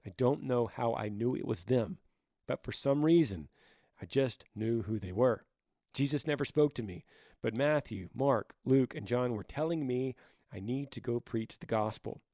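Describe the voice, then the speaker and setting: Raspy, gravelly-voiced man, dry close sound. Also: medium pitch, normal speed, dark tone, dry recording. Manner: earnest, brotherly, careful hedging with restarts. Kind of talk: reading a listener's email and replying with informal advice.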